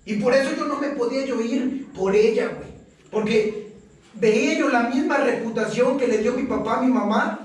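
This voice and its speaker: A man's voice: extremely high pitch, moderate pace. A young Mexican man giving a raw, slangy, profane and emotional personal testimony at a recovery meeting. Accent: Mexican Spanish. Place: meeting hall. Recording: echoey room, distant mic.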